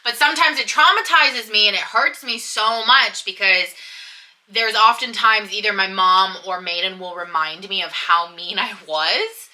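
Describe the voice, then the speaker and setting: A woman with a very bright, forceful voice at a medium pitch, chatting casually as a vlog host. She tells personal stories candidly, leaning on her words for emphasis. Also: normal speed, poor audio. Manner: candid, emphatic storytelling with frequent "like". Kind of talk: casual sibling chat in a mukbang video.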